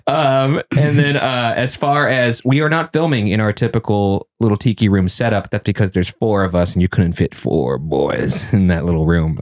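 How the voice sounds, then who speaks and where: A man hosting a podcast from an indoor studio, his voice sitting a little low. He talks casually, with jokey, self-mocking asides. The energy stays loose and animated. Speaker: podcast host.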